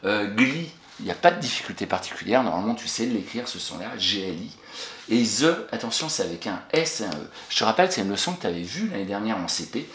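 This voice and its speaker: Male primary teacher, animated and encouraging, spells words out slowly, echoey room with light hiss. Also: lowish voice. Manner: encouraging, talks to an absent pupil and pauses for answers. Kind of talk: recorded spelling lesson for a child. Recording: echoey room with faint noise.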